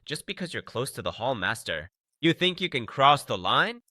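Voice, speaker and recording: A man voicing an arrogant, quick-tempered master swordsman in a story recap, speaking in a haughty, threatening way. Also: medium pitch, big pitch swings, sharp tone, no room sound, studio quality.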